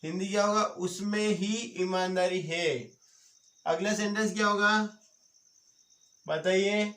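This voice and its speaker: A man's voice: high-pitched, fairly even intonation, measured pace, a bit bright. A man from India giving an online grammar lesson, quizzing viewers with repeated questions and answering them himself. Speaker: teacher. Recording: roomy echoey home recording.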